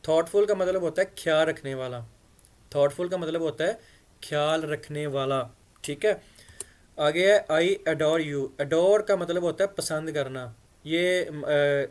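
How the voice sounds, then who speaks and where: A man teaches English phrases. He reads each English line slowly and carefully, then explains its meaning at length. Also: on the high side.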